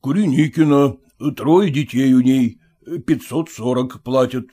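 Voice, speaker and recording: A man reading an audiobook, voicing a shy, deferential yard porter who speaks slowly. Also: mid-range voice, warm tone, lightly acted. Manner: slow, deferential. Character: timid old-fashioned yard porter, man.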